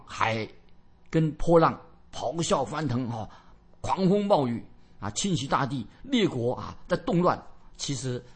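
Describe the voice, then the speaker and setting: Husky-voiced man preaching on radio. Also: medium pitch. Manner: repeats and explains scripture verses, asks rhetorical questions. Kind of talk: radio sermon.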